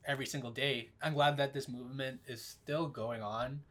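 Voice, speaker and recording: Young guy from the philippines, relaxed podcast chat, mid voice. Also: medium pitch, moderate pace. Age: young adult. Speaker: podcast co-host.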